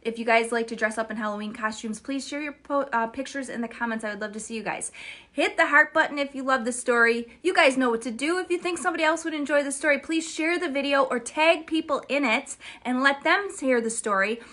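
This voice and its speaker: Woman, children's story host, animated read-aloud, chatty with viewers, fairly high voice. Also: a little fast. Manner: animated and chatty, addresses viewers as "you guys".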